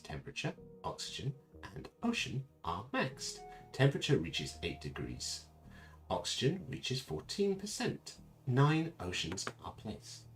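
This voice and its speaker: Man doing a creepy computer voice. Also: medium pitch. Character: creepy male computer narrator, cold and eerie. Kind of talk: reading a game tutorial aloud in character.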